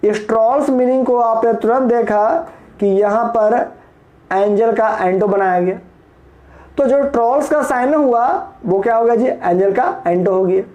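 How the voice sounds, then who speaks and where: Male tutor from Bihar, patient and explanatory, soft mellow tone, roomy echo on the recording. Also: very high voice, a little slow, muffled recording. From Bihar, India. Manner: patient, explanatory, spells words letter by letter, asks rhetorical questions. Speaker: teacher. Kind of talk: classroom lesson explaining English vocabulary.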